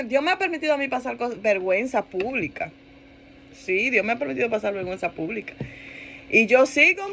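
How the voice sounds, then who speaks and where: Woman pastor, fairly high voice, lively sermon delivery with repeated emphatic phrases. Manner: animated preaching, laughs and acts out quoted complaints; repeats phrases for emphasis, asks listeners "¿verdad?".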